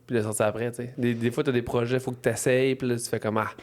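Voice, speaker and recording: Fast-talking Québécois podcast host. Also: male voice, medium pitch, little pitch movement, darkish tone. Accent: Quebec French. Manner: loose, joking, asks set questions. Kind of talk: casual interview chat.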